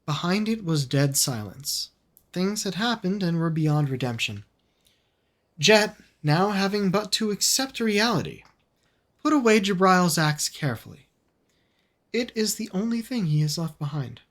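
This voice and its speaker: Expressive woman narrating a story game. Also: lowish voice, measured pace. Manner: expressive reading, self-aware asides. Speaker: streamer.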